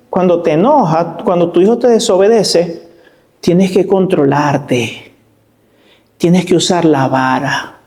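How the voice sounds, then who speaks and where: A man preaching as a guest pastor, telling stories and slowing down for emphasis. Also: a little high, a little mellow. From Venezuela. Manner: storytelling preacher, slows for emphasis. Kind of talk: sermon.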